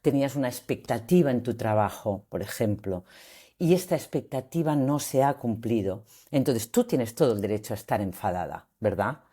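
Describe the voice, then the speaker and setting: A woman, a voice coach explaining ideas in an interview, expressive and acting out example phrases. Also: rumbling low, normal speed, husky.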